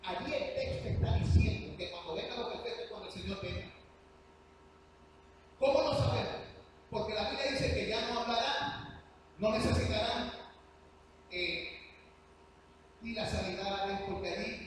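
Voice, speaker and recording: High-voiced preacher in an echoey hall. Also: male voice, normal speed, pauses often. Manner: earnest, swings between soft and loud, emphatic. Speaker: pastor. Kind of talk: sermon. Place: church. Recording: echoey church hall, distant mic, hum.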